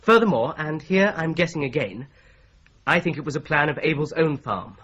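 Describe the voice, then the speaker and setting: In a lo-fi, dull-sounding radio play done BBC-style, a husky, higher-voiced man plays Boone, a shrewd young solicitor-detective looking into a fraud. Bright and lively in intonation at a moderate pace, he patiently and methodically explains his theory.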